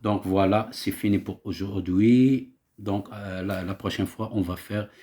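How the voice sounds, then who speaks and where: A man's voice: on the low side, steady tone, unhurried, dark tone. A male teacher giving a grammar lesson, explaining step by step and asking himself rhetorical questions.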